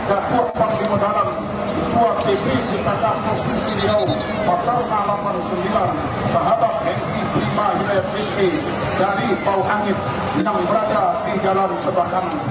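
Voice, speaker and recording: Male race caller over a public address loudspeaker, high-pitched, rattling off names, heavy echo and a roaring crowd. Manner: rapid listing of boat names and lanes. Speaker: race announcer. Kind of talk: live race commentary. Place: outdoor riverside race. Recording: echoey loudspeaker from far off, loud crowd and noise.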